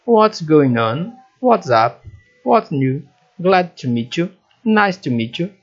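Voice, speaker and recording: A Brazilian Portuguese-accented man with a fairly high voice gives a recorded English lesson. He explains patiently, repeats each phrase and checks in with his students. The sound is dull and lo-fi. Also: big pitch swings, slow. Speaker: English teacher.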